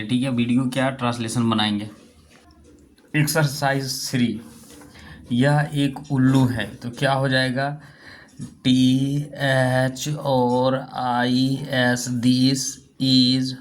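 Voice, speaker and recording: Man, patient grammar teacher; slow and monotone, spells words aloud, faint ambience. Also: medium pitch, slight background noise. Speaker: English teacher. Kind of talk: spoken grammar lesson.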